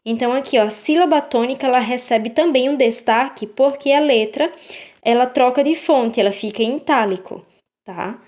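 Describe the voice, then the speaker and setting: A woman's voice: sits high, moderate pace, darkish tone. A woman, a teacher patiently going through textbook exercises and checking in with her students. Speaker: Portuguese teacher.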